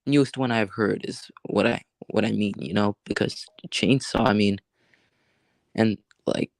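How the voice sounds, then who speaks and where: A man hosts a casual livestream, thinking out loud in halting, restart-filled sentences. His voice is low and gravelly, and the sound is dry and close. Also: steady tone, no echo. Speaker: livestream host.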